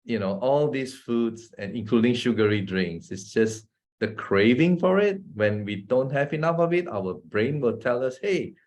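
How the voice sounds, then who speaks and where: Expressive and a little mellow, his mid-range voice moves at a moderate pace as this doctor from Malaysia delivers a casual health talk. He keeps tossing "right?" and "guess what?" to his audience, chuckling between points.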